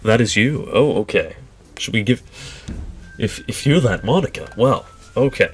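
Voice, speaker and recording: A man's voice: mid-range voice, lively intonation, moderate pace, a little hiss or hum. A man hosting a let's play, joking playfully and apologizing to viewers in the chat. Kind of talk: casual let's play commentary.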